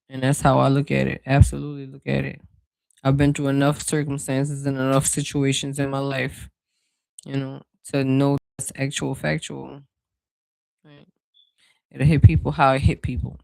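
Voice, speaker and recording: Casting: rambling spiritual card reader with a gravelly voice, chatting to "y'all" in a dry, close room. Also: mid-range voice, darkish tone, no echo. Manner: rambling and chatty, with many "you know" fillers; talks straight to viewers as "y'all". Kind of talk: casual spiritual card reading to viewers.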